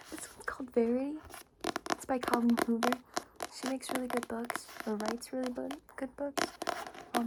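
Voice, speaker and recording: Girl doing soft asmr chat, kinda high voice, rambly and unsure, really noisy recording w tapping and clicking. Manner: rambling, informal, hesitant. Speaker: ASMR book reviewer. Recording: noisy, with clicking and shuffling handling sounds. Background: tapping and scratching on books.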